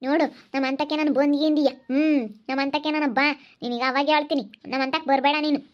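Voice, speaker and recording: A woman playing a quarrelsome, sharp-tongued village woman in an amateur skit. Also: sits high, level tone, natural voice. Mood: dismissive. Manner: scolding, rapid back-and-forth bickering. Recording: dull lo-fi audio.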